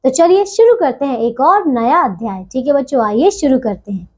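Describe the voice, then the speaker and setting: Woman teacher for a children's grammar lesson; high, patient voice that keeps checking in with the class; recording a bit dull. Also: lively intonation, darkish tone. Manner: patient, keeps asking "theek hai bachchon?"; leaves deliberate pauses between phrases.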